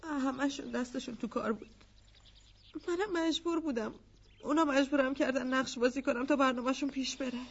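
A frightened, high-voiced woman. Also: steady tone, husky, muffled recording. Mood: confessing. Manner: pleading, fearful. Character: frightened young woman pleading innocence. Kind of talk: Persian film dub.

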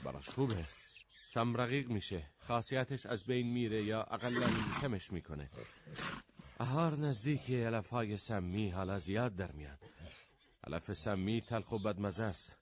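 An actor playing a young man who coaxes and commands while calming a frantic poisoned horse, in a drama. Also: fairly low pitch, lightly acted. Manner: urgent, coaxing and commanding. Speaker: tractor driver in a radio drama. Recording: dull lo-fi audio with loud noise.

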